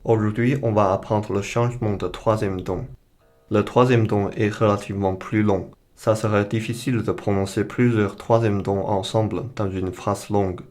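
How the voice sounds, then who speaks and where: A man's voice: lowish voice, fairly even intonation, normal speed, a little mellow. A man teaching a beginner language lesson, explaining each point carefully and modeling the pronunciation for learners to repeat.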